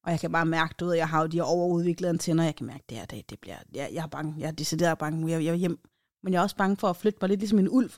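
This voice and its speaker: A woman's voice: low-pitched, dry recording. Woman, podcast co-host, casual storytelling, acts out quotes, dry close sound. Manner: animated, acts out quotes in changed voices.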